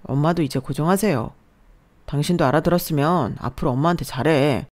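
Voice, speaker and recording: A domineering husband, read by a woman in a lowish voice. He speaks curtly and dismissively in this storybook story. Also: fairly quick, darkish tone, close to an everyday voice. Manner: curt, domineering. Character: bossy, dismissive husband, adult man.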